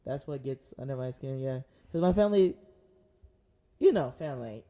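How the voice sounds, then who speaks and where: A man telling a personal story in casual podcast chat, animated and laughing often, with slangy phrasing. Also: mid-range voice, moderate pace. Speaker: podcast co-host.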